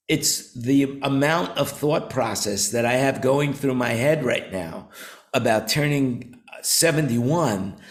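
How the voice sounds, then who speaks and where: Older male host in his 70s, casual and rambling, lots of restarts. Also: medium pitch. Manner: rambling, repeats words, many fillers. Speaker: show host, company founder. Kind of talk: casual roundtable chat.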